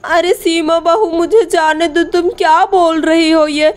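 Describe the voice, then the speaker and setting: A woman's voice: extremely high pitch, steady tone, unhurried. A woman voicing a frightened old village mother-in-law in a doll story, pleading and fearful.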